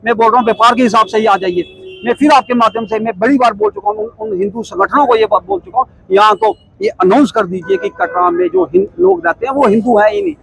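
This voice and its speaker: A middle-aged man speaks fervently in a husky, very high voice. He rushes along, piling up rhetorical questions and repeating himself as he argues his committee's case. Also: expressive, a bit bright, no echo, soft background music, rough recording. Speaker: protest committee member. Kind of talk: impassioned phone-in statement.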